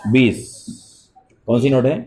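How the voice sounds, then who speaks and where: A man's voice: mid-range voice, fairly even intonation, slow pace, heavy background noise. A middle-aged man teaching math to a full classroom of children, speaking politely and praising them. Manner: addresses students with polite forms and praise.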